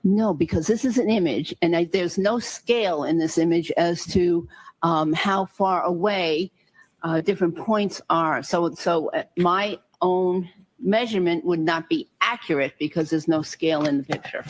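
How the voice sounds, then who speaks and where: Female doctor as courtroom expert witness. Slightly low voice, cautious, halting, qualifies her answers. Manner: careful, qualifying, halting with repeated word starts. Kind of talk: courtroom testimony.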